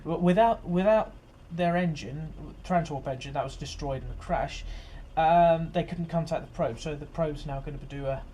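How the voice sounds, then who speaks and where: Rambling fan, slightly high voice. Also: male voice, mellow, a little hiss or hum. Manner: rambling, halting, many fillers and restarts. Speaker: fan video host. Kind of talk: casual unscripted episode overview.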